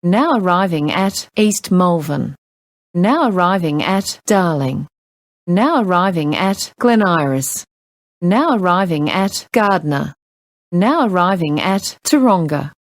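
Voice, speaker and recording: A woman with an Australian accent giving recorded train announcements, her words spliced together from separate clips in a clipped, even way. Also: fairly low pitch, slow pace, no room sound.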